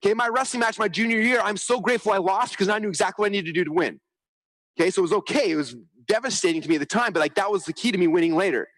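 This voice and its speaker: Fast-talking, high-voiced man on stage. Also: rough recording. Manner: energetic, animated storytelling, acts out quotes; repeats "okay?" to check with the audience. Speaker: conference speaker. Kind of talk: live marketing presentation. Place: conference hall.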